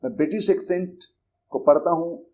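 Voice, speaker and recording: A man's voice: fairly high pitch, normal speed, darkish tone. A middle-aged man with an Indian accent, speaking earnestly and conversationally as he teaches, mixing English terms into Hindi and often repeating himself. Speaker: English teacher and coaching institute founder. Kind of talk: Hindi lecture on learning English.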